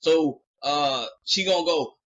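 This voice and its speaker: A podcast host with a slightly high, slightly slow voice tells a long story casually, rambling along with plenty of fillers. He animatedly acts out the quoted dialogue. The recording sounds lo-fi, with a little background noise.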